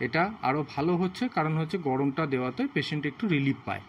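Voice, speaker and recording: A man demonstrating physiotherapy exercises on a patient at home, explaining each step slowly and with much repetition. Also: mid-range voice, lo-fi sound, slight background noise. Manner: slow, repetitive, instructive.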